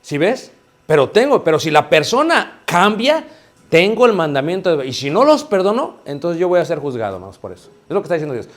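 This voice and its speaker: A man's voice: a little high, sing-song, a little fast. A man preaching a sermon in a conversational way, firing rhetorical questions at the congregation and calling them brothers. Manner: repeatedly addresses listeners as brothers.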